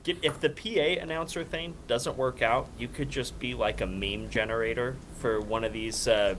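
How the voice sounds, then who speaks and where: A man's voice: medium pitch, steady tone, moderate pace, fairly bright tone, a little hiss or hum, rough recording. A man joining a casual sports podcast as a guest, joking and hyping up the host.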